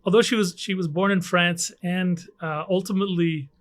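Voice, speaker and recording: A man's voice: high-pitched, steady tone, normal speed. A middle-aged man from Canada, a guest scientist talking casually in an interview, hesitant with many fillers and restarts, recorded in an office. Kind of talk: conversational interview. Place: office with air conditioning hum.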